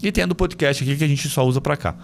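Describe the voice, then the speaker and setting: A man's voice: on the high side, very fast, gravelly, a little hiss or hum. A man hosting a podcast, telling a family story casually with many fillers and acting out the dialogue, recorded in a home studio. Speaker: podcast host.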